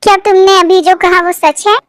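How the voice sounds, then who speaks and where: A woman's voice: very high-pitched, steady tone, moderate pace, no room sound, studio quality. A woman voicing a proud, brusque young man in a fan fiction story read aloud, speaking curtly.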